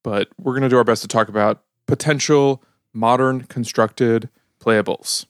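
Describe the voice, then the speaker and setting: A man hosting a casual podcast, upbeat, reading patron shout-outs and plugs before card talk. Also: mid-range voice, fairly even intonation, moderate pace, clear, resonant tone, no echo, clean studio sound. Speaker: podcast host.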